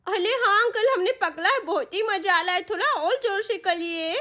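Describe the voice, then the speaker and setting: Lady playing a bratty kid teasing uncle, squeaky high voice. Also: moderate pace, sharp tone. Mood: taunting. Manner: giggly, taunting. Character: mischievous young kid, cheering and taunting. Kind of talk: Hindi doll-story role-play.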